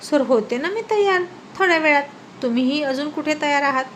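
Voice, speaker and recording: A shrill young wife , put on by a woman narrator whines and teases in a high, bright voice. She is scatterbrained and cheeky, quick to scold. It sounds like a storybook told aloud, with faint noise behind. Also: lively intonation. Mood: teasing. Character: clumsy, chatty young wife, scolding and playful.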